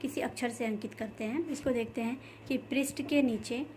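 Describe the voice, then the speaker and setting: A woman teaching a grammar lesson, explaining each point slowly and repeating key terms with many fillers. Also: on the high side, steady tone, a little mellow, slight background noise. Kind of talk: explaining lesson over slides.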